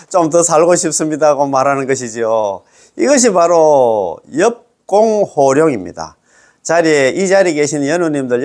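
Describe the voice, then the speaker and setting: A man giving a Buddhist dharma lecture to lay followers. He laughs often and drops low to close each point.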